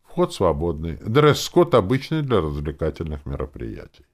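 A man's voice: low-pitched, huge pitch swings, moderate pace, darkish tone. A man narrating an audiobook expressively, voicing every character himself. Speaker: audiobook reader.

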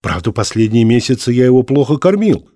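A man voicing an injured young man who talks in a hurried, anxious way. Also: medium pitch, very animated, dark tone, no echo, studio quality.

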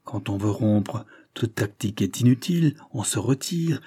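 A man's voice: medium pitch, steady tone, normal speed, mellow, no room sound, lightly acted. A man reading an audiobook and voicing a passionate young society woman who speaks with vehemence, first pleading, then scornful.

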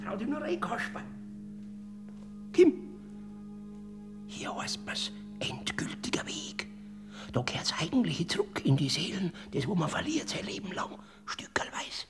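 A sly, eccentric Death guides souls in a Bavarian accent. The voice swings wildly in pitch between breathy whispers and shrill cries, theatrical radio-play style with faint music behind. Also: male voice, wildly swooping pitch, a little slow, exaggerated voice. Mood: hushed, mysterious. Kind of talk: German dialect radio play.

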